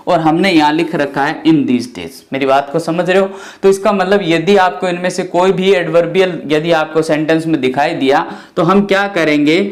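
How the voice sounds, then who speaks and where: A middle-aged man, teaching a grammar lesson and stepping through it by asking and answering his own questions. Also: on the high side. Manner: explains step by step, often asks and answers his own questions. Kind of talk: classroom lecture.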